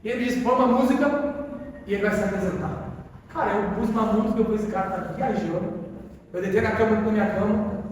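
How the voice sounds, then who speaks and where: A man with a Brazilian Portuguese accent gives a sermon testimony, telling his personal conversion story in an emotional, conversational way with casual slang. His voice sits high and moves at a quick pace. The recording is distant and echoey, from a hall, with a little hiss or hum.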